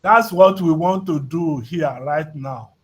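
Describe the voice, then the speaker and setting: A middle-aged man teaching a university class, speaking haltingly and calling on students by name. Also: on the high side, husky. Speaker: lecturer.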